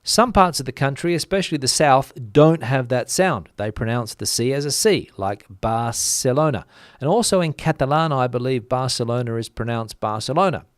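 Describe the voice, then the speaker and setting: A man's voice: mid-range voice, animated, normal speed, few pauses, no room sound, clean studio sound. A man hosting a casual commentary show, reading viewer comments and thinking aloud with many fillers and restarts.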